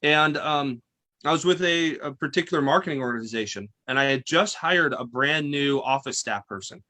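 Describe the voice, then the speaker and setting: A man in his forties, a guest financial advisor, chatting in an interview with intense, animated storytelling and frequent restarts. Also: on the high side, moderate pace. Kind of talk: casual interview chat.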